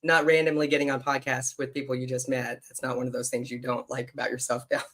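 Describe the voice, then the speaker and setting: A man's voice: medium pitch, level tone, fast talker, a bit bright. A man hosting a casual podcast conversation, chatty, blunt and teasing with his guest. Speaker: podcast host.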